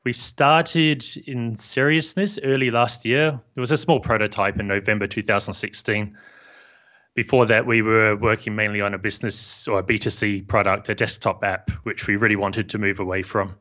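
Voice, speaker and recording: A New Zealand man in his fifties, a software founder, calmly describes his business in a casual interview, his voice on the low side. He is measured and friendly and explains things plainly. Speaking from a home office through a boom-arm studio mic while wearing headphones, he comes through in slightly dull lo-fi audio.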